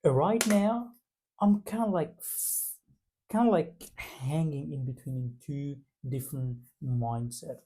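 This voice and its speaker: Mellow-voiced Indian man, reflective. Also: fairly high pitch, slow pace, slightly rough. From Punjab, India. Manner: reflective, loose phrasing full of fillers. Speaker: vlogger. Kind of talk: casual to-camera talk.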